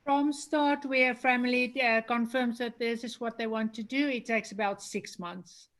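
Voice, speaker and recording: A woman's voice: a little high, fairly even intonation, moderate pace, fairly bright tone. A woman panelist giving matter-of-fact answers about passport timelines. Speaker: panelist on Grenada citizenship.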